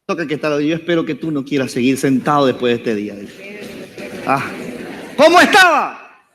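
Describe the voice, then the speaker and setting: A man's voice: mid-range voice, expressive, brisk, a little hiss or hum. A man preaching a sermon to his congregation as apostle, fervent, joking at times and calling on listeners to repeat his phrases. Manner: jokes and rises to shouts at times.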